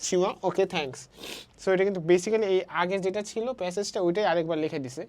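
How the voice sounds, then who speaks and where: In an online primary English class, the Bangladeshi teacher moves between Bangla and English and reads example sentences unhurriedly. Her pitch is fairly low and her tone darkish.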